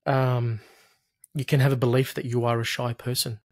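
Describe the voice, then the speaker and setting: A man in his thirties with a medium-pitched voice, recorded dry. He guides a client as a therapist, asking patient questions and offering steady reassurance. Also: moderate pace, no echo. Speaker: hypnotherapist, coach. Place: small room, video call.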